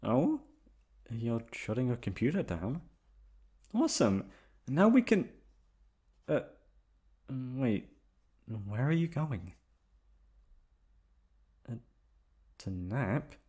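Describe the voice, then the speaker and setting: His mid-range voice is very animated yet slow, mellow and husky, with frequent pauses. He's a voice actor in an intimate ASMR roleplay, playing a boyfriend who teases affectionately and coaxes and pleads in fun.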